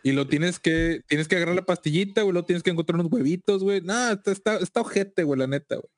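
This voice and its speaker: Mexican man, higher-pitched, laddish slangy bro chatting casually, very dry recording. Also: fast, dry recording. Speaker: video game collector. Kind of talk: casual chat.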